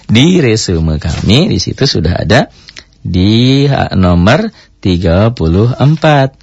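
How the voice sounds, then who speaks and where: A man teaching Quran recitation rules in a radio lesson, explaining step by step, asking and answering his own questions and chanting example verses slowly. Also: lowish voice, slightly rough, no echo. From Indonesia. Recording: muffled dry radio broadcast.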